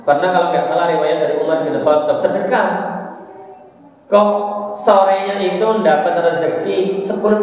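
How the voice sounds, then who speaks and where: Javanese guy preaching, bit high voice, big echoey mosque, mic far away. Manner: lively, switches into Javanese and Arabic quotes. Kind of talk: mosque sermon. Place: mosque hall.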